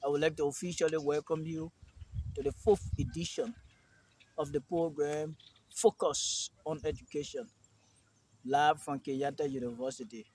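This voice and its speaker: A Liberian man with a Liberian English accent hosting a live educational program, asking his guest questions in a deliberate, emphatic manner. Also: on the high side, fairly even intonation, a little mellow, slight background noise. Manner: slow, emphatic announcer delivery, then conversational questioning. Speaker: host. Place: Kenyan university campus.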